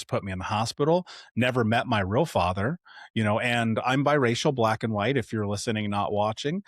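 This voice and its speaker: Guy on a podcast telling his rough life story, blunt, swears a lot, dry close sound. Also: mid-range voice, no room sound. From Indianapolis, United States. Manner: blunt and emphatic, swears casually, retells past dialogue. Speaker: podcast guest. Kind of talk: candid storytelling in conversation.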